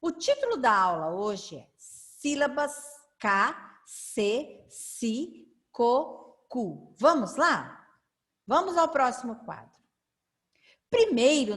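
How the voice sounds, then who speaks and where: A woman's voice: on the high side, fairly bright tone. A woman teaching a children's literacy lesson, drawing out syllables and asking the children to read along. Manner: slow, drawn-out syllables for children to repeat; sing-song, encouraging classroom prompts.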